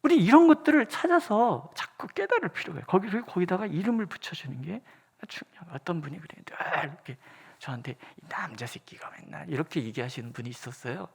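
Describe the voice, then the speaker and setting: A pastor preaches at an early morning prayer service in a husky, breathy voice. The pitch swings widely as the pastor talks through everyday feelings and asks soft questions aloud. Many phrases sink into a near whisper. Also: big pitch swings, fast. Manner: conversational, acts out inner questions softly. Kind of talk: dawn prayer sermon. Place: church.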